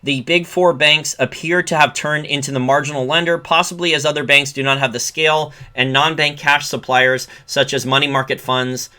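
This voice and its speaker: A man's voice: on the high side, steady tone, normal speed, hardly any pauses, pushed and bright, smooth. A man giving solo commentary, reading from a report and breaking off into sarcastic rants. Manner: sarcastic, ranting asides. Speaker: finance commentator.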